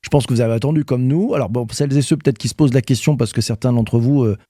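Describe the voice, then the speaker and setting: A man's voice: mid-range voice, very fast, no room sound, clean studio sound. A man hosting a podcast, talking casually and enthusiastically with many hesitations. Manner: enthusiastic, lively, hesitant with fillers. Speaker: podcast host.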